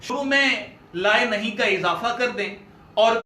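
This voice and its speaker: Male teacher, high bright voice, patient explainer, echoey room with faint hum. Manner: explanatory, addresses students directly. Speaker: teacher of Arabic grammar. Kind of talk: online class lecture.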